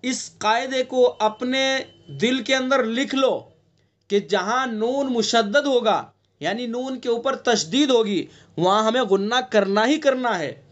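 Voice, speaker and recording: A male recitation teacher giving an online lesson, explaining patiently and breaking into long drawn-out chanted recitation. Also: very high-pitched, a bit bright, dull audio. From India.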